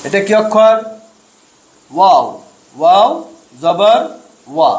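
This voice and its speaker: A man's voice: high voice, animated, darkish tone, reverberant. A man teaching Quran reading step by step, asking questions and answering them himself. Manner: slow, asks and answers own questions. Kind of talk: step-by-step spelling lesson.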